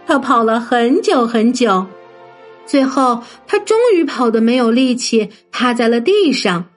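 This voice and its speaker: A woman narrating a children's story in a gentle, sing-song manner, addressing young listeners. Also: fairly high pitch, animated, measured pace. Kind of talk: scripted bedtime story narration. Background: soft background music.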